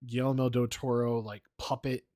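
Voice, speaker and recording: A man's voice: medium pitch, little pitch movement, normal speed, mellow. A man co-hosting a casual film podcast, opinionated, often hedging with "like". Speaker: podcast co-host. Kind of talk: casual chat.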